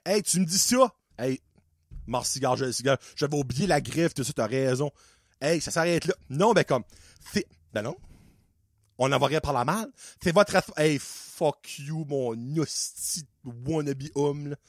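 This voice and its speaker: Animated Acadian man ranting. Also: fairly high pitch, normal speed, no room sound, clean studio sound. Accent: Acadian French. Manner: profane, sarcastic and exasperated. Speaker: podcast host. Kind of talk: casual comedic rant.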